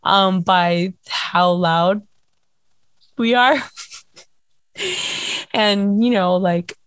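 A young woman with a hoarse, scratchy, nasal voice, hosting a casual fan chat podcast with lots of fillers. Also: medium pitch, drawn-out words, dry recording. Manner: chatty, filler-heavy, excitable. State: hoarse, lost voice. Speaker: podcast host.

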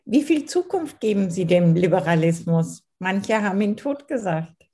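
A woman interviewer asking concise, measured questions. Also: mid-range voice, lively intonation, warm tone, breathy edge.

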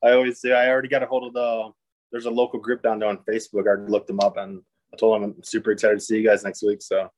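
A man raised in Japan, talking as a podcast guest in an easygoing, upbeat way with many pauses. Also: fairly low pitch, level tone, darkish tone, no room sound, low-quality recording. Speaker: podcast guest, disc golf player. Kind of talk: casual interview chat.

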